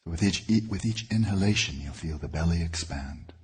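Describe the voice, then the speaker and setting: With a deep, slightly rough voice, a man leads listeners through a meditation, pacing his measured phrases carefully and pausing often.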